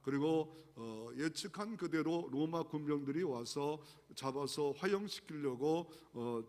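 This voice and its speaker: A man's voice: fairly high pitch, unhurried, darkish tone. A man pastor delivering an earnest sermon, asking the congregation rhetorical questions. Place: large church sanctuary. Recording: long church hall reverb.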